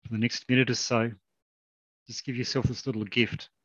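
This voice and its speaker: Male meditation guide, soft and unhurried, mid-pitched, dry dull lo-fi recording. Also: husky, no echo. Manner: slow, soft, calm, with long pauses.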